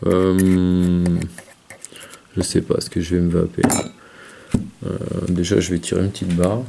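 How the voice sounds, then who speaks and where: A man's voice: low voice, completely flat delivery, measured pace, creaky, noisy background. A man talking casually to camera as a video reviewer, hesitant with many fillers. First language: French. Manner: hesitant, many fillers, talks while vaping. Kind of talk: casual chat.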